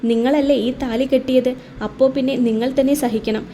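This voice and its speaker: A woman's voice: high voice, steady tone, warm tone, a little hiss or hum, lightly acted. A woman voicing a spirited young wife who answers back sharply and speaks thoughtfully about love. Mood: sassy. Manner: sassy, quick retorts, thoughtful.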